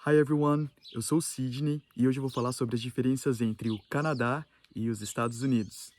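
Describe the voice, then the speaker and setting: A man's voice: mid-range voice, steady tone, brisk, a little mellow. A young Brazilian man with a Brazilian Portuguese accent, casually explaining word differences in a vlog, mixing in English examples. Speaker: YouTuber.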